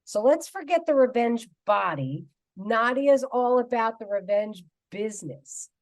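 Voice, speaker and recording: A woman in her fifties hosts a radio talk show interview with emphatic enthusiasm. Her voice is a little high and expressive, her pace unhurried, and it's recorded close and dry with no room sound.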